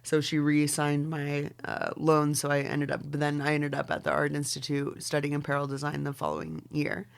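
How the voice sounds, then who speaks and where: A forties fashion designer from Oregon, Pacific Northwest, guests on a podcast, speaking in loose, chatty fashion with lots of "like"s, fillers, and casual swearing. Her low-pitched voice is completely flat, creaky, clear, and resonant, moving at normal speed with few pauses.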